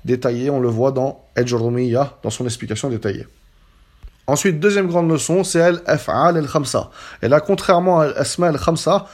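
A man teaching Arabic grammar in French, explaining patiently. He keeps checking that his listeners follow and slows down to spell out each example word. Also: fairly high pitch, a little mellow, breathy edge. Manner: patient, checks understanding with frequent "d'accord?". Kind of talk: explanatory lesson.

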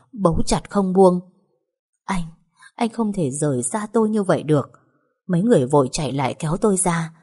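A woman reading a first-person story aloud in a slow, sorrowful way. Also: fairly low pitch, mellow, husky. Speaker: audiobook narrator.

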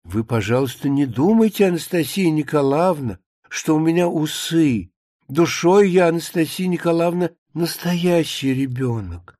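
An awkward bachelor courting in pompous, flowery phrases, voiced by a man. The voice is slightly high and set close and dry. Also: expressive, normal speed, a little mellow, no echo, lightly acted. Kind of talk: dramatic reading of a play.

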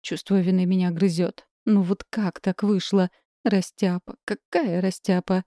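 A young woman narrating a first-person novel as an audiobook, with wry, lively storytelling. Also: on the low side, measured pace, dry recording, studio quality.

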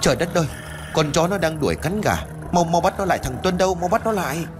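A man voicing a sharp-tongued, angry old village woman who scolds and shouts. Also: on the low side, big pitch swings, fast, over music. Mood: alarmed.

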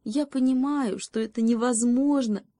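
Woman putting on a little girl conscience spirit, high and exclaiming, indignant but caring, warm tone. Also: fairly even intonation, moderate pace, dry recording, natural voice. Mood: indignant, tender.

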